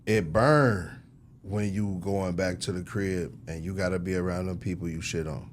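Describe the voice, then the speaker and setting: This record executive talks in a low, steady voice at normal speed, with a little hiss or hum on the recording. The interview is casual and animated, and he leans on slang, emphasis, and repeated phrases for effect.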